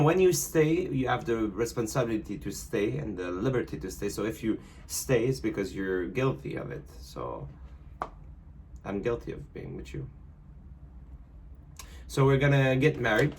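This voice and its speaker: A man in his twenties chatting with his partner in halting, non-native English, playful and quick to argue back. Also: mid-range voice, slight background noise. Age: 20s. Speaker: guest partner. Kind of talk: casual couple chat.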